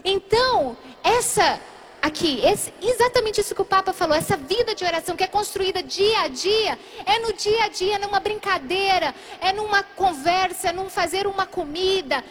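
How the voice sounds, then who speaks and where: High-voiced Brazilian woman telling a story. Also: normal speed. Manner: animated, acts out dialogue in shifting voices. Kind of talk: storytelling testimony.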